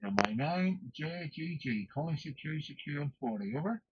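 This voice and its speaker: A man with a fairly high voice makes procedural ham radio calls, spelling things out formulaically in the phonetic alphabet. The sound is somewhat dull, with faint radio static behind him. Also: expressive, moderate pace. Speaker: amateur radio operator.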